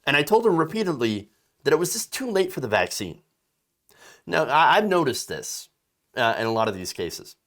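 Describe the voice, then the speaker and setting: A man's voice: fairly high pitch, big pitch swings, moderate pace, fairly bright tone. A man in his thirties giving emphatic political commentary, reading out a story and reacting to it, with frequent fillers and restarts. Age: 30s.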